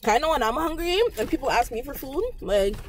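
A woman's voice: high-pitched, lively intonation, slight background noise. A woman chatting casually while eating in a car, laughing often. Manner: laughs often, slow and easygoing. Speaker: guest. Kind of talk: casual mukbang chat. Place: car with windows down.

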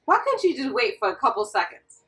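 A woman's voice: a little high, big pitch swings, fairly quick, fairly bright tone. A woman in casual, needling banter, speaking insistently from away from the mic. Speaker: companion chatting off-mic.

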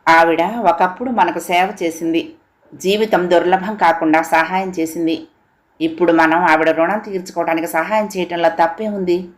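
A woman reading aloud, voicing a calm but firm elderly father who speaks gravely. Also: fairly low pitch, natural voice. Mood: stern. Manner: measured and grave, firm when stern.

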